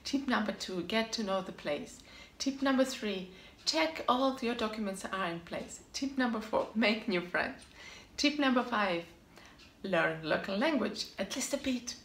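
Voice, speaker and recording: A woman's voice: mid-range voice, expressive, measured pace, a bit bright, a little hiss or hum. Upbeat woman vlogger in an echoey room. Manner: upbeat, emphatic, repeats short punchy answers. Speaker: vlog host giving advice on living abroad. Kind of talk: scripted tips to camera. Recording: echoey room with faint ambience.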